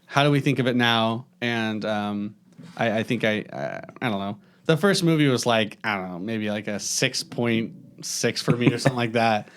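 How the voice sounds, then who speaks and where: A man co-hosting a podcast in casual chat, halting and hesitant. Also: on the low side, clean tone. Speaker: podcast co-host.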